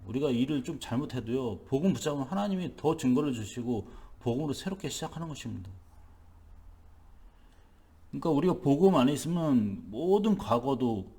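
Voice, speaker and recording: A man's voice: medium pitch, dark tone. A male pastor giving an early-morning sermon, emphatic and repetitive, asking rhetorical questions. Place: church.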